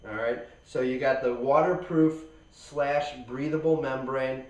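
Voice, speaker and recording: A man co-hosting a casual outdoor gear review, explaining in a relaxed way with plenty of fillers. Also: mid-range voice, measured pace. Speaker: co-host. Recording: roomy echo, far from mic.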